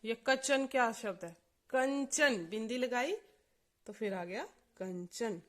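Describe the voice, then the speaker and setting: A woman's voice: a little high, slow, a bit bright. A woman teaching a reading lesson, sounding out each letter one by one and asking and then answering her own questions. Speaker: Hindi teacher. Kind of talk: slow spelling-out lesson for children.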